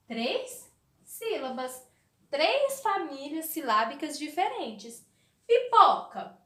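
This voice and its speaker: A Brazilian Portuguese woman gives a literacy lesson to young children. Her voice sits high and swoops widely as she draws out each word slowly. She asks questions and answers them herself, and the room has a noticeable echo. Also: fairly bright tone. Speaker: primary school teacher.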